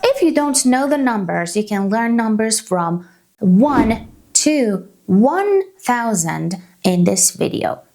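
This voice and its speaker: A woman in her thirties from Canada, an English teacher giving a slow beginner lesson and repeating each phrase carefully for learners. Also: a little high, big pitch swings, a little mellow. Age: 30s. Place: small room indoors.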